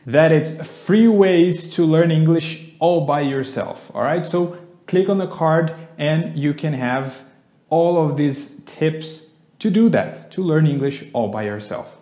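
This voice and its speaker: A man's voice: fairly high pitch, slow pace, warm tone. Playful man teaching, echoey room. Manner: playful, chatty, acts out each verb. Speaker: English teacher, co-host. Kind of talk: casual teaching with acted demonstrations.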